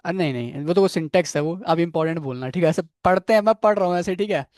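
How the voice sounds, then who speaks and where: A programming instructor with a fairly high, darkish voice delivers a quick-paced live coding lecture on web development, recorded in studio quality with no room sound. He often asks his students questions, keeps saying "ठीक है", and admits he struggles with a technical word.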